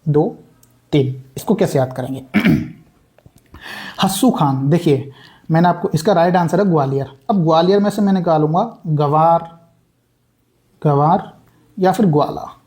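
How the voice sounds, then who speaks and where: A young man runs a casual exam-prep lesson built on memory tricks. He talks in a chatty, repetitive way and keeps calling his viewers brother. His voice sits a little high with a mellow tone. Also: unhurried, long pauses. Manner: chatty, repeats words, addresses viewers as brother. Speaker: exam coaching teacher.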